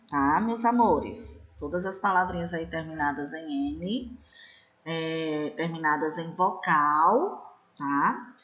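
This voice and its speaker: A woman teacher giving an online slide lesson, slow and patient, often checking in with her class. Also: on the low side, pushed and bright, dull audio. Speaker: Spanish teacher.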